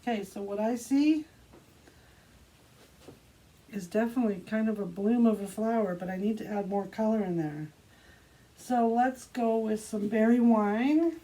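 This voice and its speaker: A mellow, mid-range female voice carries this casual craft demonstration, in which an art tutorial host unhurriedly narrates each step as she goes. Background noise is clearly present in the rough audio.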